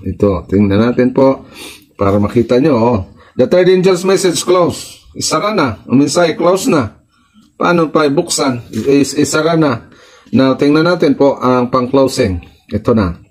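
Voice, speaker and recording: A man's voice: mid-range voice, darkish tone, rough recording. A man with a Filipino accent, a pastor preaching a sermon. He reads passages aloud in English, then explains them in Tagalog, repeating his points with emphasis.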